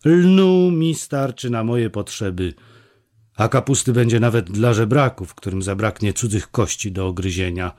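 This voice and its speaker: A man voicing a proud, sharp-tongued young village woman who mocks and scolds in a raised voice. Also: fairly low pitch, lively intonation, moderate pace, close to an everyday voice. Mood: scolding. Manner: mocking, scolding.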